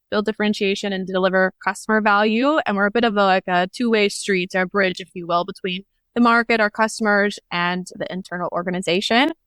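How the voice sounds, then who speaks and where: A head of product marketing, an American woman around her thirties, answers interview questions about her marketing work as a guest. Her mid-range voice is fairly bright and cleanly recorded with no echo, and she explains things thoughtfully, often saying "like" and "if you will."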